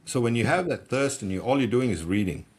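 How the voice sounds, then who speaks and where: A middle-aged man from Malaysia, a personal development coach being interviewed, telling stories in an animated way and often restarting words as he gets excited. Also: mid-range voice, fast, husky. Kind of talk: conversational storytelling.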